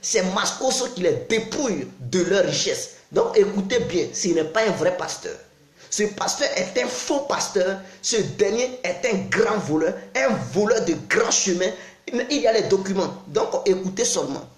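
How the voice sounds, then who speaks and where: A man's voice: high voice, lively intonation, normal speed, reverberant. A man delivering an accusatory monologue and repeatedly urging listeners to pay attention. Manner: insistent, repetitive, urging listeners. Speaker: accusatory commentator. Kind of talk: denunciation monologue.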